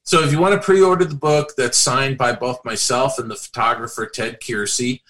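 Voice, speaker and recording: A man's voice: mid-range voice, fairly even intonation, moderate pace, a bit bright, rough recording. A middle-aged man talking as an author being interviewed, rambling with many fillers and restarts. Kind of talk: casual interview chat.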